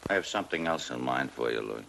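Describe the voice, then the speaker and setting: A hard-boiled police detective in an old crime drama. His voice is very low, with clipped, slangy, dryly mocking lines. There is some noise on the vintage soundtrack. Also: expressive, fast talker, vocal fry, a bit bright, exaggerated voice. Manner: clipped slangy tough talk.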